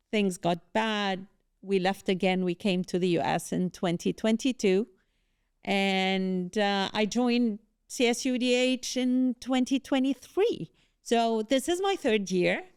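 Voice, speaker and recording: Woman from lebanon, guest prof, really clear smooth voice, dry close sound, steady and orderly. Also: mid-range voice, no echo. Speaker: professor and guest. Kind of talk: interview answers.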